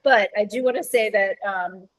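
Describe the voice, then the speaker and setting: Woman organizer talking haltingly in a meeting. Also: mid-range voice. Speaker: event organizer at a board meeting. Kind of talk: informal meeting discussion.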